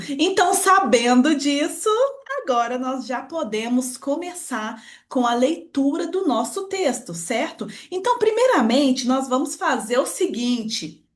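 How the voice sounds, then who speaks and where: A woman teaching a French lesson online, upbeat and encouraging, talking straight to the viewer. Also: high voice. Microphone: computer screen recording voice-over.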